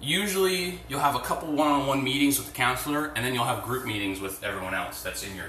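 Talking fast with a bright, forceful mid-range voice, a man rants bluntly and profanely through a casual podcast while doing chores, filling gaps with fillers. His phone, without a headset, sits at a distance, capturing an echoey room and slight background noise.

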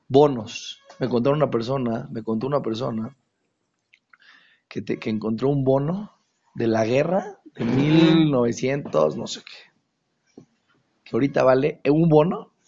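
Husky man teaching Torah. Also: medium pitch, measured pace, long pauses. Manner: emphatic, repeats key phrases, drops into hushed asides. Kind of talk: religious talk to an audience. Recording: dull lo-fi recording.

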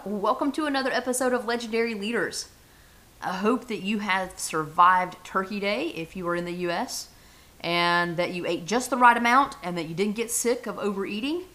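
A woman's voice: mid-range voice, brisk, a bit bright. A woman hosting her own podcast, talking straight to her listeners in an upbeat, chatty way about leadership and life. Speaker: podcast host. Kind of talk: solo motivational podcast talk.

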